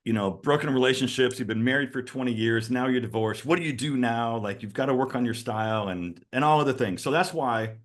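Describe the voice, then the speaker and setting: A man's voice: medium pitch, a little fast, few pauses. A middle-aged man hosting a casual interview in an informal, agreeable way. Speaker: host of men's lifestyle channel.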